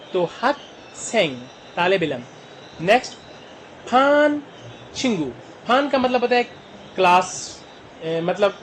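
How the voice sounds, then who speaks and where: A man with a Pakistani Urdu accent teaching Korean vocabulary, sounding out each word slowly syllable by syllable. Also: sits high, slight background noise, poor audio. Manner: spells words out slowly syllable by syllable. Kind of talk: vocabulary lesson.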